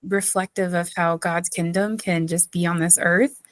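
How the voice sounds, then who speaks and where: Chatty and quick to laugh, a woman pastor from southeastern North Carolina shares stories in a casual interview, her speech dotted with many fillers. Her voice is on the low side with fairly even intonation and a moderate pace, with no room sound.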